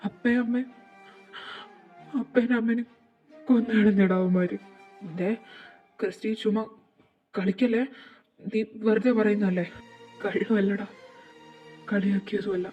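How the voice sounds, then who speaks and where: A woman reading a fan fiction audio drama, voicing every character in a dramatic, halting way. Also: medium pitch, slightly rough. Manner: dramatic, voices all characters, halting with grief. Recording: dull lo-fi with faint music.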